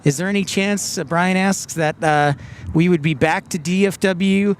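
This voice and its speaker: A man's voice: sits high, moderate pace, clean tone. A man hosting a live stream outdoors, chatting casually and reading viewer comments aloud. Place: outdoors by an airport.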